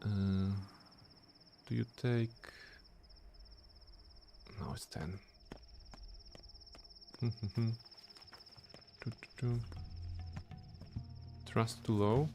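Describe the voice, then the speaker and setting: A man's voice: on the low side, steady tone, drawn-out words, long pauses, noisy background. A man streaming a game, chatting casually and rambling with frequent restarts. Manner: rambling, restarts words, chuckles. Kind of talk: casual gameplay commentary.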